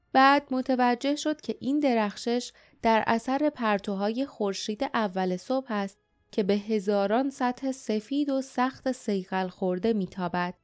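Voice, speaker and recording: A woman narrating an audiobook in a steady, even storytelling voice. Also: a little high.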